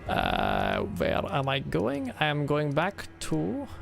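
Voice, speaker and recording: A man's voice: on the high side, wildly swooping pitch, takes it slowly, gravelly. A man giving playful, chatty commentary while playing a video game, yelping whenever he gets hit. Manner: playful, chatty, yelps at hits. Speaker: gaming channel host. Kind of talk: let's-play commentary. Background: game music.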